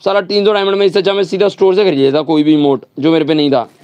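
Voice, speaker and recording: A man's voice: a little high, flat delivery, very fast, a little mellow, dry recording. Angry swearing young male game streamer. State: slightly sore throat. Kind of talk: live gaming stream chat.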